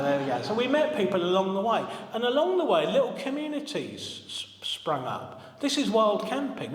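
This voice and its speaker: A man in his forties preaching a sermon in a church as its minister, telling stories with humour and asking the congregation questions. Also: high voice. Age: 40s. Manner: chatty, humorous storytelling, asks the congregation questions. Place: church hall. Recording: echoey hall, long reverb.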